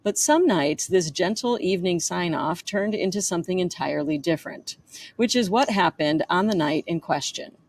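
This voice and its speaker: A woman's voice: on the low side, animated, normal speed, a little hiss or hum. A woman reading a chapter of her own memoir aloud in a conversational way, with small asides and self-corrections.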